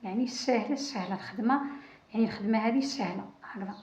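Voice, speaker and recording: A woman's voice: on the high side, fast, darkish tone, a little hiss or hum. A woman with an Algerian Arabic accent hosts a casual crochet tutorial, talking through her work with frequent restarts and counting. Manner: talks while working, many restarts and counting. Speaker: crochet channel host. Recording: roomy, dull lo-fi sound.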